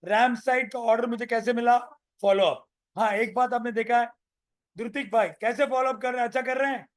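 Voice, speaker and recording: High-voiced man coaching sales. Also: a little fast. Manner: energetic, repeats phrases, role-plays sales calls. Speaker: business coach. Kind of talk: live online training session. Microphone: video call.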